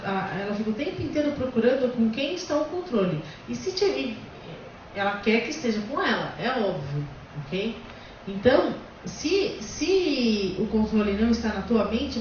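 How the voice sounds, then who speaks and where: A woman's voice: a little high, big pitch swings, moderate pace, slight background noise. A woman hosting a casual discussion, explaining bluntly and emphatically. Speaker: host. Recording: echoey, distant, dull lo-fi room.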